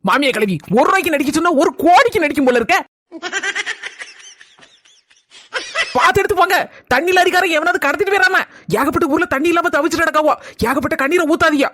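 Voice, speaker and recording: A woman playing a sharp-tongued young village wife in a comedy sketch, sarcastic and scolding. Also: extremely high pitch, rapid-fire. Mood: mocking.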